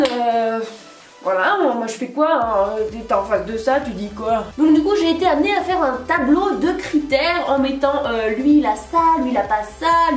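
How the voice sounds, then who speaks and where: A young French woman vlogging in a chatty, playful way, filling her talk with little asides. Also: on the high side. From France. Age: young adult. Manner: chatty, many fillers and "hein", playful asides. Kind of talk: casual chat to camera. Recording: echoey room, mic at a distance, faint music.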